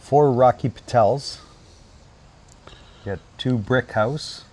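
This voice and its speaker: A man's voice: medium pitch, takes it slowly, a little mellow. A man co-hosting a cigar review, talking easily as he shows things to the camera outdoors. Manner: easygoing, shows items to camera. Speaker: co-host of a cigar review channel. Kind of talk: casual chat.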